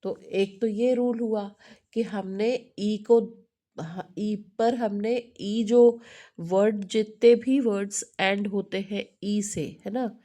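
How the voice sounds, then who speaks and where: A woman's voice: medium pitch, steady tone, takes it slowly, warm tone. A middle-aged woman teaching an English lesson in Hindi mixed with English, often checking in with the listener and correcting herself.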